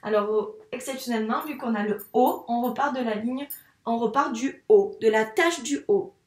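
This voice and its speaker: A woman teacher from France giving a young child a handwriting lesson, spelling out sounds slowly and clearly, syllable by syllable. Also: on the high side, a little mellow, roomy sound. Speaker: first-grade teacher.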